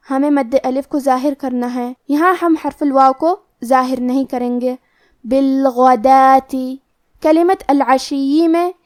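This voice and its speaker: A woman teaching Quran recitation rules, explaining each rule methodically and then reciting the words slowly and drawn out. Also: sits high, darkish tone.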